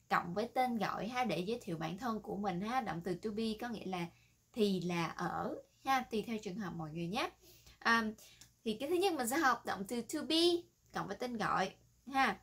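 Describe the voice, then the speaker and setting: Woman doing a casual english lesson video, chatty, says words over and over slowly. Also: mid-range voice, expressive, husky. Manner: often ends phrases with soft tags. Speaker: English teacher.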